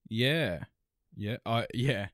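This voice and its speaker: A man's voice: mid-range voice, very slow, a bit bright, dry recording, studio quality. An Australian man co-hosting a comedy podcast in casual chat, laid-back and sweary, often laughing as he talks.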